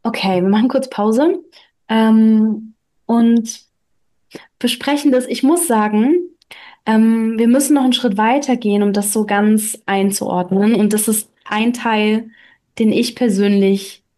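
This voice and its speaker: A woman who reads a story aloud and then reflects on it in conversation, thinking aloud with pauses and fillers. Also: on the high side, steady tone, warm tone. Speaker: reader and host.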